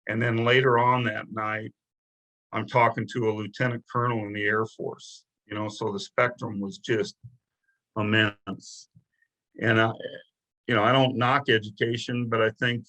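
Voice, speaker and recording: A man's voice: lowish voice, pushed and bright, rough recording. A middle-aged man, a deputy sheriff, telling stories in a casual interview, rambling and restarting often. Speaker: guest, deputy sheriff and investigator.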